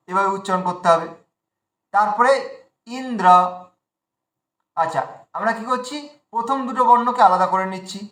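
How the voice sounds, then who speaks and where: High bright-voiced man teaching pronunciation. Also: echoey room. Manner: slow, repeats words syllable by syllable to demonstrate. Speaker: Sanskrit recitation teacher. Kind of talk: online pronunciation lesson.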